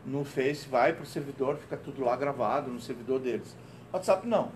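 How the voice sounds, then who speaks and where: A middle-aged man giving a lively company talk, telling stories and tossing in tag questions, recorded from a distance in a large room. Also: medium pitch, normal speed, slight background noise. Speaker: lecturer. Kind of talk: corporate safety-week talk. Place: company auditorium. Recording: roomy, distant lecture recording.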